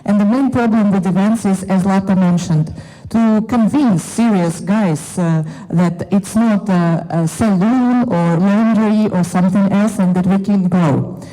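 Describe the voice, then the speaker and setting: A woman with a Russian accent asking a panel a long question from the audience, halting and searching for words. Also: medium pitch, warm tone. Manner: hesitant, halting non-native phrasing. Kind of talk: question from the floor. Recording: echoey event hall.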